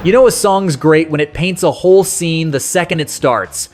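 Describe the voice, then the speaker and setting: Music runs beneath a man narrating a scripted nostalgic countdown in a folksy, sentimental, conversational storytelling style. His voice is on the high side and his pace moderate.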